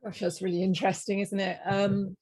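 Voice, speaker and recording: A woman's voice: mid-range voice, little pitch movement, a little fast, a little mellow. A woman answering as a panel speaker, reflective and spontaneous, rephrasing as she searches for words.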